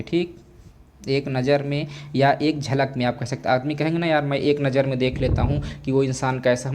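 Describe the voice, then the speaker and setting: A man with an Indian accent giving an exam-prep English lesson, asking the class questions and answering them himself, and slowing down to spell out English phrases. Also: medium pitch, background noise. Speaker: teacher.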